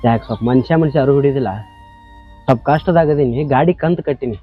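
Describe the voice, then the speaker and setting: A man plays an indebted village tractor driver with a North Karnataka accent, talking fast and defensively. The recording is slightly dull, with faint music underneath. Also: medium pitch, no echo, close to an everyday voice. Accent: North Karnataka Kannada. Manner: defensive, pleading. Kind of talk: short-film acting.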